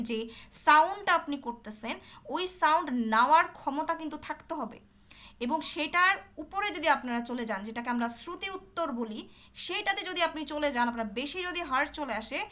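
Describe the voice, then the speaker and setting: A woman's voice: sits high, a bit bright. A woman teaching an English speaking test over a video call, explaining patiently and often checking that her students follow. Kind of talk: online teaching session.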